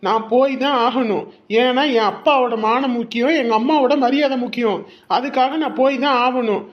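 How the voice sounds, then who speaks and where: A man's voice: extremely high pitch, moderate pace. A man plays a stern young husband in a family drama, lecturing his wife with stubborn insistence. His voice comes through a dull, lo-fi recording. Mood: angry scolding. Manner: lecturing, repeats himself, grows harsh. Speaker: husband leaving home for work. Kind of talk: Tamil family drama acting.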